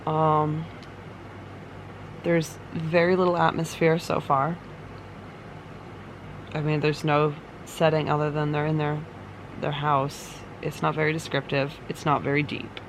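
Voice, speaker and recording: Creaky-voiced woman vlogging over fan noise. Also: low-pitched, flat delivery, unhurried, long pauses, rough recording. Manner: rambling, unimpressed. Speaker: book review vlogger. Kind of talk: casual chat, reading vlog update. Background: running fan.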